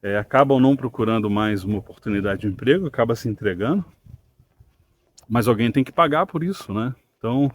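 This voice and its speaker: A man's voice: mid-range voice, a little fast, slight background noise. A man with a Brazilian Portuguese accent hosting a channel, musing aloud to viewers with many "né" and "tá" fillers and frequent questions. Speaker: channel host. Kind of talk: casual opinion monologue to camera.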